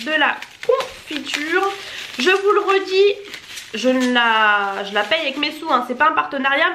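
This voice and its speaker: A woman's voice: sits high, bright, forceful tone. A young woman with a Marseille accent chatting casually to camera as a family vlogger, rambling and correcting herself as she unboxes. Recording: echoey room with faint noise.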